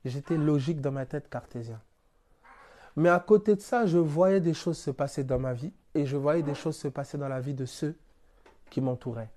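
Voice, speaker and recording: Here a man from France gives a spiritual teaching, his fairly high, mellow voice moving at a moderate pace. He explains with everyday examples and rhetorical questions, in plainspoken, casual language.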